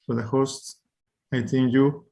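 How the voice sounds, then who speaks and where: Gravelly guy on a video call, halting, talking himself thru settings. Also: mid-range voice, level tone, warm tone. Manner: halting, thinking aloud while clicking through settings. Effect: heard over a video call. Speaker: keynote speaker. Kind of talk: troubleshooting screen sharing on a video call.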